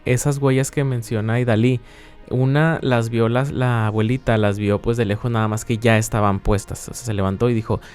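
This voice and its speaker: A man's voice: medium pitch, steady tone, fairly quick, darkish tone, smooth, faint music behind. A man co-hosting a podcast, telling paranormal stories in a casual, conversational way. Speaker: podcast co-host.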